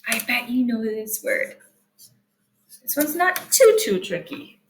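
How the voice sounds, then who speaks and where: An early-grade reading teacher leads young children through a sight-word lesson and a picture book read-aloud, patiently spelling and explaining in a sing-song, teacherly way with careful, emphatic enunciation. Her voice is a little high, animated and slow, with a roomy sound.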